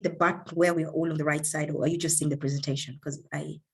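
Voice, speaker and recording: A woman from Kenya with a low voice speaks to young leaders over a video call. She is earnest and warm, and she often restarts her sentences and fills gaps with "um". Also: flat delivery, quick pace, vocal fry. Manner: warm and earnest, with frequent fillers and repeated words. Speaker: guest speaker. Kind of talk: online leadership talk.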